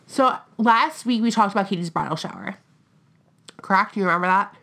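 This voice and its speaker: A young American woman co-hosting a podcast in casual chat, talking bluntly with vocal fry, plenty of swearing and frequent "like". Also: medium pitch, animated, fairly quick, sharp tone. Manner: blunt, profane, peppered with "like". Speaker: podcast co-host.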